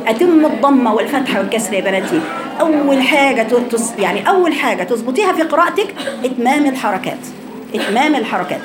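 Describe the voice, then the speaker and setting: A woman's voice: on the high side, animated, fast. Egyptian woman drilling recitation in an echoey room. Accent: Egyptian Arabic. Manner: corrective, drills syllables one by one. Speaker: Quran recitation teacher. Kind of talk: classroom lesson. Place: classroom of women students.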